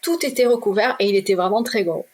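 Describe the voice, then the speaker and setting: A middle-aged woman from southwest France, a shop owner, telling her own story in a direct, lively way and acting out the dialogue. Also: medium pitch, quick pace. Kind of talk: animated personal storytelling.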